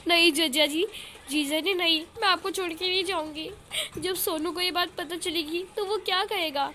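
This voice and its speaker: A woman voicing a gentle young aunt who pleads softly and tearfully. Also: very high-pitched, moderate pace, pitched above the performer's own voice. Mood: tearful pleading. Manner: soft, pleading.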